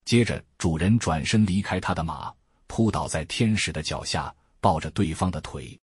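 A man reads a first-person literary passage in a measured way. His voice is very low and deeply husky, recorded dry and close. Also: no echo. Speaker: reader. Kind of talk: first-person book reading.

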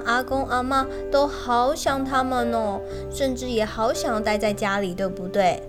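Slow, high-voiced storyteller woman. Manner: gentle, sing-song, speaks to children directly. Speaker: kindergarten storyteller teacher. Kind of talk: children's picture-book reading.

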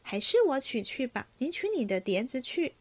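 A woman voicing an eager, cheerful young maid who talks in a lively, pleading way. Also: sits high, moderate pace, no room sound. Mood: playful.

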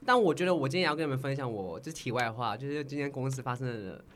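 A woman's voice: rumbling low, rapid-fire, a little hiss or hum. A woman telling stories in a casual chat, acting out the people she quotes. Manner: animated storytelling, acts out quoted people.

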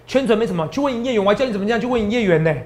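A man with a Taiwanese Mandarin accent hosting a stock-tips show, animated and boastful, lecturing viewers like students. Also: high voice, racing. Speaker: stock market analyst host.

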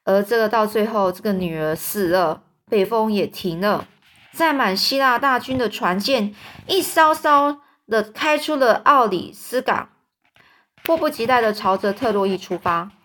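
A woman's voice: mid-range voice, expressive, unhurried, a bit bright. A woman narrating a storybook aloud, often rephrasing and explaining in plain words with fillers.

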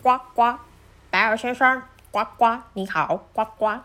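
A woman voicing a polite male frog in a children's story, croaking between words. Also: a little high, measured pace, fairly bright tone. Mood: indignant.

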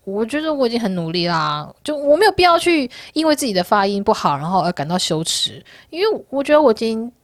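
Casual woman vlogger, fast and expressive, candid, laughs a lot, dry close sound. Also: a little high, dry recording. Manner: laughs often, candid storytelling. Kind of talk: casual chat to viewers. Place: Korea.

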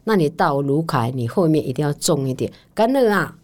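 A woman's voice: sits low, a little fast, darkish tone. A woman with a Taiwanese Mandarin accent, a language teacher explaining things as a guest in a casual interview and often affirming with short interjections.

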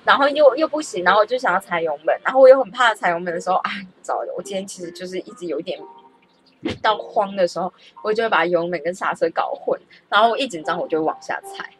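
A young woman telling a story in a casual, animated, self-mocking way. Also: on the low side, fast, a little hiss or hum, rough recording. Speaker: vlogger. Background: faint background music.

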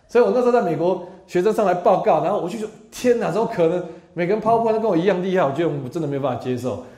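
A middle-aged man giving a chatty classroom lecture, tagging sentences with "哦" and rhetorical questions and acting out what others say. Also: medium pitch. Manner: chatty, peppers speech with "哦" tags and rhetorical questions; animated, acts out quoted remarks. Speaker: university lecturer. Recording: echoey lecture hall.

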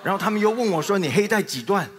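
A man's voice: high-pitched, fast talker, slight background noise. A middle-aged man from Taiwan with a Taiwanese Mandarin accent, telling a humorous personal testimony as a guest speaker and acting out the dialogue with comic timing. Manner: animated storyteller with comic timing, acts out dialogue. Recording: reverberant hall.

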